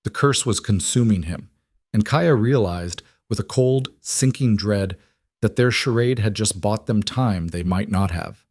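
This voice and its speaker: A man narrating a dark fantasy romance story in a measured, dramatic read. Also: fairly low pitch, dry recording, studio quality. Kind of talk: scripted audiobook narration.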